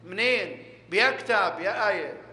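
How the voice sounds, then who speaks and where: Male preacher, high tense voice, rhetorical questions and loud-to-hushed swings, long hall reverb. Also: animated, moderate pace. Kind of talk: Ramadan night sermon. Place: large prayer hall.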